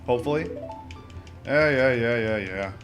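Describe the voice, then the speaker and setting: Hosting a let's play over video game music, a man with a mid-range voice talks at an unhurried pace. His gameplay commentary is casual and rambling, often broken up by his own jokey asides.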